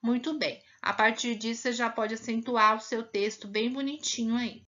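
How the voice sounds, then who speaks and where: A woman from Brazil who teaches primary school, giving a recorded lesson and patiently sounding out words slowly to show them. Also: on the high side, fairly even intonation, a bit bright. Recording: muffled lo-fi sound.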